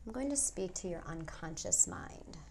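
A woman guiding a hypnosis induction as a hypnotist, speaking in a soft, soothing near-whisper with long pauses. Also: on the low side, huge pitch swings, slight background noise. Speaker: hypnotist guiding a relaxation session.

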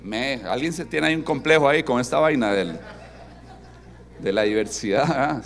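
Animated male pastor preaching. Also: mid-range voice, normal speed, gravelly, a little hiss or hum. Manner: interactive, asks the congregation questions; animated preaching, dropping to soft emphatic tones. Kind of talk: sermon. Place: church service with congregation.

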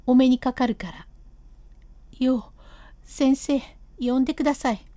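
A woman's voice: high-pitched, fairly even intonation, unhurried, mellow, dry recording. A woman voicing the stubborn, proud wife of a painter who insists on getting her way, in a storybook reading of a classic comic tale. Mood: insistent. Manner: insistent, rising and pleading.

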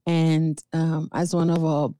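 Middle-aged woman therapist from Haiti, unhurried and reflective, full of pauses and restarts. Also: low voice, flat delivery, warm tone, dry recording. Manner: thoughtful, with frequent fillers and restarts. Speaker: guest therapist. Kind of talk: interview conversation.

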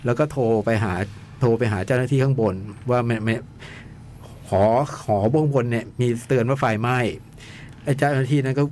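A man's voice: mid-range voice, fairly even intonation, a little fast, darkish tone, slight background noise. A man co-hosting a casual film review chat, retelling a plot in a rambling way with many restarts.

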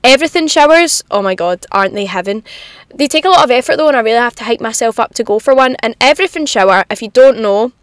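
A young woman chats casually and confidingly as a solo podcast host, in animated girly slang, from inside a parked car in the rain. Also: on the high side, clear, resonant tone, dry recording, clean studio sound. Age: young adult.

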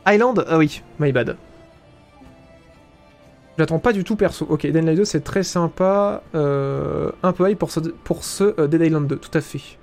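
A man's voice: on the high side, moderate pace, vocal fry, few pauses, darkish tone, soft background music. A young man with a French accent, chatting casually on a live stream, reading the chat and hesitating with many fillers.

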